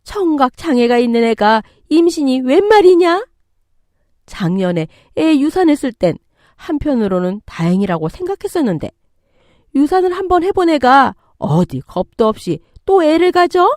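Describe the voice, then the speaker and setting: A woman's voice: high-pitched, very animated, moderate pace, dry recording, clean studio sound, voice pushed up. Woman voicing a scornful older mother-in-law. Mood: scornful scolding. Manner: loud, scolding, contemptuous. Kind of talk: storytelling radio reading.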